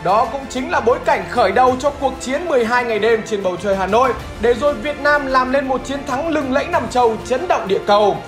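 High-voiced woman narrating history. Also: animated, fast talker, few pauses. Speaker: host of a history show. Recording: roomy echo with music.

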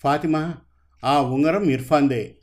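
A man's voice: fairly high pitch, unhurried, natural voice. A man voicing a grieving older father who speaks sternly about his son's crime in a told story. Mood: grave. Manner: sorrowful, stern.

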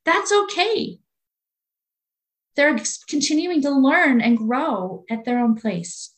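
Taking her time, a fairly bright-toned woman with a high voice joins a faith-based conversation as a guest. She's in her late forties, sincere and heartfelt, and tends to say her phrases more than once.

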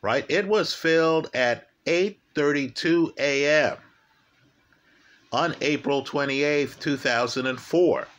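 A man with a fairly bright voice on the higher side delivers true crime commentary on a criminal case. He stresses the key facts, repeats them at a slow, emphatic pace, and keeps checking in with "right?"

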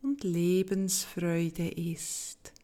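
Female meditation guide: soft, breathy and soothing, mellow low-leaning tone, extremely unhurried delivery with long pauses.

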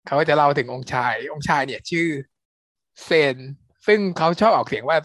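A man co-hosting a podcast, retelling a series plot in a relaxed, meandering way. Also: a little high, racing, no room sound. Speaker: podcast co-host, series reviewer. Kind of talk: casual review chat.

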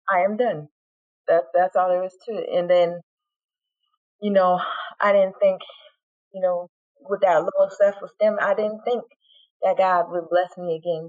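A woman's voice: medium pitch, phone-quality sound. A woman giving an earnest personal testimony, repeating phrases and acting out what was said to her. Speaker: guest sharing her story.

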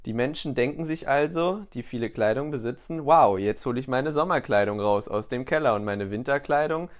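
Young man, podcast co-host, casual chat, teasing, middle pitch. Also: fairly quick. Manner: teasing, joking.

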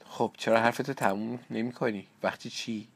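A man's voice: medium pitch, steady tone, gravelly, breathy edge. A man reading a storybook aloud, voicing a girl's angry, impatient mother with a slightly raised voice. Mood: scolding. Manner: impatient, scolding. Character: angry scolding mother of a young girl.

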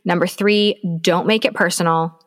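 A woman's voice: fairly low pitch, fairly even intonation, moderate pace. A woman co-hosting a business podcast, giving advice in an emphatic, coaching way and repeating her key points. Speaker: podcast co-host. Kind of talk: casual business podcast chat.

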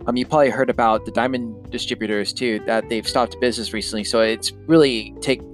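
A man's voice: medium pitch, steady tone, fairly quick, soft background music. A man hosting his own podcast, talking to his listeners in an easygoing, conversational way. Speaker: podcast host. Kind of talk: casual solo podcast talk.

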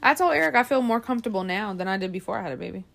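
A woman's voice: medium pitch, expressive, rapid-fire, vocal fry, fairly bright tone. Woman co-host, easygoing banter, teasing and mock-tough, casual swearing. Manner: playful, teasing, joking bravado, swears. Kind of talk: casual chat.

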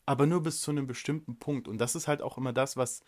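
Male podcast co-host, mid-pitched voice, blunt and direct, casual chat. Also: fast talker, darkish tone. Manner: frank, direct, rambling with fillers.

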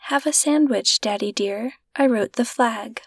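A woman's voice: on the high side, unhurried, gravelly, no echo, clean studio sound. A woman reading as an earnest young girl. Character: eager, tender-hearted young girl.

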